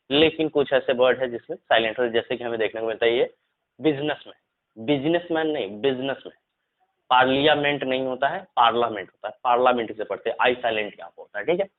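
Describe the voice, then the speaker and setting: A man's voice: medium pitch, fast. A man teaching English spelling rules to students, repeating each rule and checking in with them often. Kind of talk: classroom lesson explaining spelling rules. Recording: tinny phone-like lo-fi sound.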